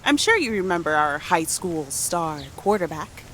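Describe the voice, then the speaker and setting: A woman's voice: fairly low pitch, big pitch swings, normal speed, fairly bright tone, slight background noise. An actress playing a wry, busy small-town mother in her forties in a video game, with a curt, sarcastic way of talking.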